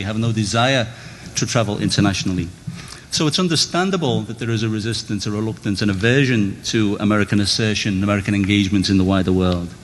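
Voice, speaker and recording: A man giving a formal debate speech in a measured, rhetorical way, stacking phrase after phrase. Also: mid-range voice, fairly bright tone. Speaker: debate speaker. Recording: long hall reverb, faint background noise.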